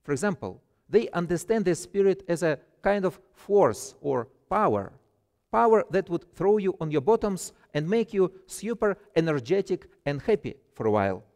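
A middle-aged man with a Russian accent, a guest pastor reading a sermon from the pulpit in a measured, deliberate way. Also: high voice, big pitch swings, darkish tone, in a large hall. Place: church sanctuary, at a pulpit.

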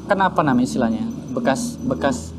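A man, a guest telling a personal story in an animated way, often repeating words. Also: mid-range voice, brisk. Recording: steady background noise.

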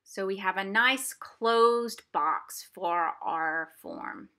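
Speaking very slowly in a sharp, medium-pitched voice, a woman teaches a craft to children for a museum family program. Her explanations are simple and aimed at young viewers, delivered from an indoor craft table.

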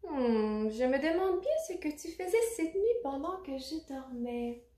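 A woman voicing a sleepy, curious little girl in a children's storybook reading, speaking softly and wondering. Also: high voice, animated, measured pace, pitched above the performer's own voice. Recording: roomy echo.

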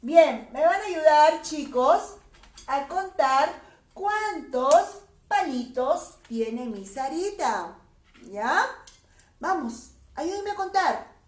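A woman's voice: high-pitched, expressive, very slow, roomy sound. A woman teaching a preschool lesson online, cheerful and coaxing, calling the children by name.

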